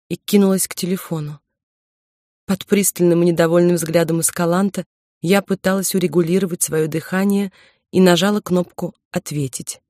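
A woman narrating a first-person romance audiobook in a measured, emotive reading. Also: lowish voice, darkish tone, no room sound, clean studio sound. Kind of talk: scripted narration.

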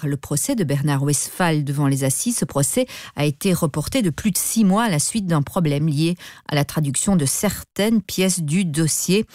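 A woman's voice: lowish voice, a little mellow, no echo, clean studio sound. A woman presenting a scripted radio news bulletin.

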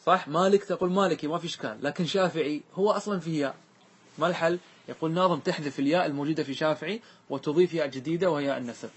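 A man's voice: fairly high pitch, breathy edge. A man teaching a grammar lesson, patiently repeating examples and checking that his students follow. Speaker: teacher explaining Arabic grammar. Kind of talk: classroom lesson on a grammar poem.

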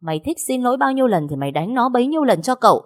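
A woman's voice: mid-range voice, sing-song, fast. A woman voicing a cold, domineering young husband who speaks harshly and gives orders. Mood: angry. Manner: harsh, commanding.

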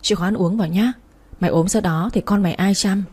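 A woman's voice: medium pitch, fast, darkish tone, slightly rough, close to an everyday voice. A woman voicing a coarse, blunt neighbor woman who scolds hard. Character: foul-mouthed tough older woman neighbor.

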